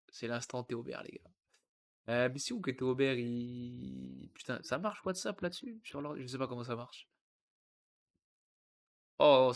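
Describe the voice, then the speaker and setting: A man over twenty-five from France's Yonne region hosts a casual football livestream in a gravelly, mid-range voice. He tosses in jokey asides and cuts off his own sentences while reading aloud.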